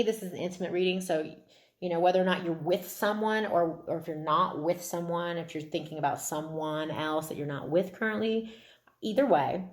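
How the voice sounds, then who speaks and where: A woman giving a casual, intimate tarot reading to viewers in an informal, effusive way, with mild swearing. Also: on the low side. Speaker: tarot card reader.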